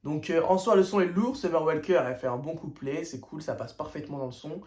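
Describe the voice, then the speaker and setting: A man's voice: a little high, fast, a little mellow. A young man hosting a casual first-listen music reaction, talking in loose slang with lots of hesitations and filler. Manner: slangy, hesitant, full of "tu vois" and "euh". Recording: echoey room.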